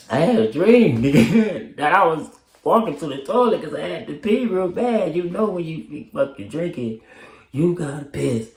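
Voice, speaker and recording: Gravelly-voiced man telling a slangy story. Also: on the low side. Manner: slangy, laughs often, voices his past self. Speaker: storyteller vlogger. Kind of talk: casual storytelling. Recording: echoey room.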